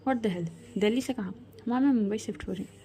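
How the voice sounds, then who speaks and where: A worried middle-aged mother, anxious and full of questions, her voice warm and mellow, as a woman narrator puts her on. She presses for answers and soothes in turns. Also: on the high side, brisk, a little hiss or hum, lightly acted.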